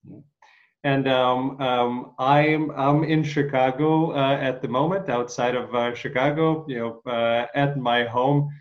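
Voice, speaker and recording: A man's voice: medium pitch, fairly even intonation, measured pace. A man from Ukraine hosting an interview show from his home, speaking earnestly with many hesitations and fillers. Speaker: host. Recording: slightly muffled.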